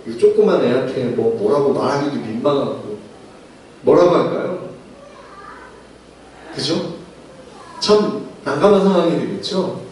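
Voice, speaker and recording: A male pastor preaches in a church sanctuary, his pitch lifting and dropping in a lively way as he fires rhetorical questions at the congregation. His voice sits a little high for a man. It comes from a distant mic with heavy room echo and faint background noise. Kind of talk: sermon. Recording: echoey church recorded from afar.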